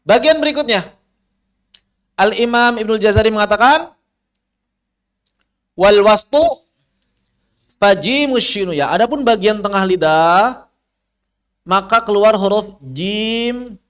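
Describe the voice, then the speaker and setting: A man teaching Quranic recitation, explaining and slowly repeating letter sounds to demonstrate them. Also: a little high, a bit bright. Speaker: tajwid teacher. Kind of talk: recorded lesson on Quranic pronunciation.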